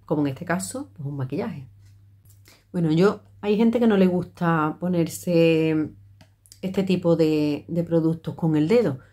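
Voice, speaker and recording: Woman, middle-aged, casual makeup tutorial, mellow and low voice. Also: measured pace. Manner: chatty, hesitant, many fillers and restarts. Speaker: makeup vlogger.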